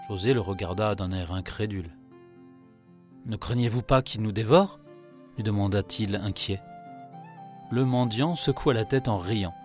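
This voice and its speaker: Calm male storybook narrator. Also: fairly low pitch.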